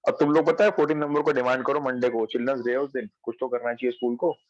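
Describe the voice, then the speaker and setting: A man's voice: mid-range voice, steady tone, fast, no echo, muffled recording. A man teaching a math class online from home, explaining step by step and checking that students follow.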